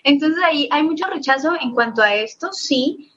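A woman's voice: sits high, lively intonation, moderate pace, a bit bright. Woman, Colombian accent, young adult, frank and loose, laughs a lot, dull lo-fi recording. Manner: frank, laughs often, many fillers. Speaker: interview guest. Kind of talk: candid casual storytelling.

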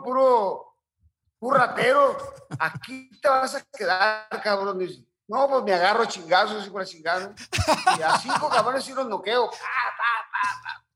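A middle-aged man with a Mexican accent speaks as an interview guest. His voice sits high and sounds bright and sharp. He talks in coarse slang and stumbles through repeated restarts. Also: moderate pace. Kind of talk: casual interview storytelling.

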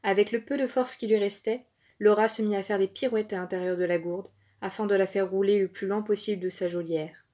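A woman narrating an African folk tale for children in a calm, expressive storytelling voice. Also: mid-range voice, brisk.

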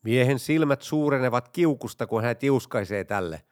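A man reading jokes aloud in a steady, deadpan storytelling voice. His pitch sits mid-range for a man. The recording is dry and close, with no room echo. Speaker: joke narrator. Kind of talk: scripted joke reading.

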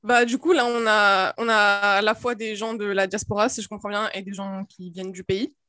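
A woman co-hosting a casual podcast, introducing guests and asking questions in friendly, halting phrases. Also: medium pitch, flat delivery, sharp tone, no room sound, studio quality. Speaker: co-host.

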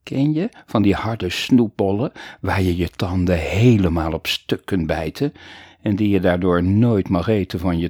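A man narrating a children's storybook in a playful, animated way. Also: deep voice, slightly rough, dry recording, studio quality. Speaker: audiobook narrator.

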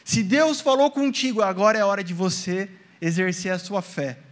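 A man from Brazil preaches to his congregation, weaving a personal testimony into the sermon. His voice sits high for a man, and he keeps addressing the listeners directly, asking them for an amen. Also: moderate pace. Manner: storytelling, acting out his own past prayers and quotes. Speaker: pastor.

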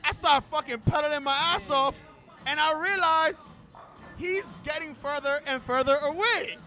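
A man's voice: very high voice, measured pace, bright, forceful tone, soft background music. A man in his late thirties from the Bronx with a New York accent, hosting a casual podcast and telling loose, profane stories. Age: 30s. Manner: loose, profane storytelling with laughter. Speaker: podcast host. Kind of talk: casual chat.

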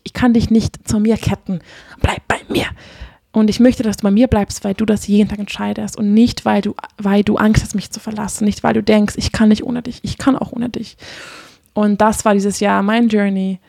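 Warm-spoken woman, dry. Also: medium pitch, level tone, brisk, gravelly, dry recording. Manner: open, emotional, chatty with frequent fillers. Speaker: podcast guest, couples therapist. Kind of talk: casual heartfelt conversation.

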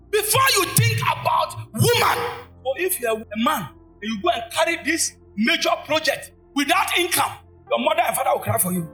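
Pastor yelling a sermon at church, super high sharp voice, call and response stuff. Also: male voice. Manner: shouting, call-and-response preaching. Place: church service.

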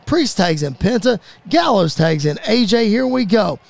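A man calling a fantasy wrestling show as play-by-play commentator, rapid-fire and rising to excited shouts at the big moments. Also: high-pitched, gravelly.

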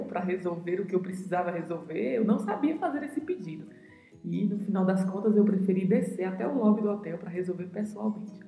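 A woman with a Brazilian Portuguese accent hosting a podcast Spanish lesson, explaining pronunciation patiently and slowly. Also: fairly low pitch. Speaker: podcast host, Spanish teacher. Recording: roomy echo with soft music.

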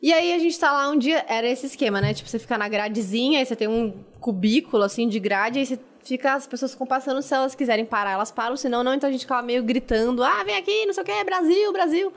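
A woman in her thirties with a Brazilian Portuguese accent, a podcast co-host telling stories in casual chat, lively and quick, acting out quotes with casual swearing. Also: on the high side.

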